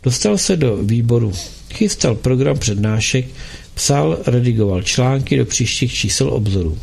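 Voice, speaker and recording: A man reading a novel aloud in a measured, expressive storytelling manner. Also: mid-range voice, vocal fry, slight background noise. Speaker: narrator.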